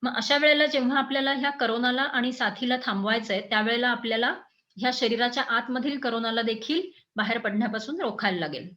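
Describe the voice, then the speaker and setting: A woman giving an explanatory health talk as an educator, in a measured teaching tone with frequent pauses and fillers. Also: a little high, sharp tone, poor audio.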